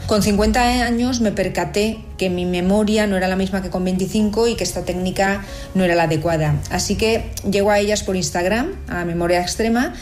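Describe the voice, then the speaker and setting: A woman's voice: medium pitch, a little mellow. A woman in her fifties from Spain, giving a composed, orderly account in a recorded testimony. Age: 50s. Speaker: interviewee.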